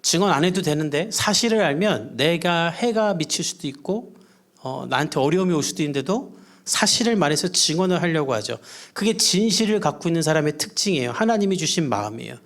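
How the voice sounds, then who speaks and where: A man's voice: fairly high pitch, expressive, brisk. Earnest conversational male pastor preaching. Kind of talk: sermon. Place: church service.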